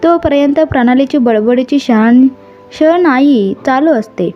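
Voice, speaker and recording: A woman's voice: sits high, a little slow. A woman narrating a romantic story and reading both lovers' lines herself, mixing in English and Hindi phrases. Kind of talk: storytelling narration with character dialogue. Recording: slightly dull audio with faint background music.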